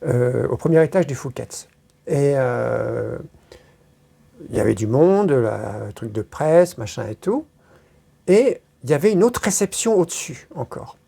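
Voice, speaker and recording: A woman's voice: very deep voice, sing-song, measured pace, vocal fry, warm tone, breathy edge. A woman being interviewed, telling stories in a rambling casual way, with many hesitations and crude slang. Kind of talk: casual storytelling.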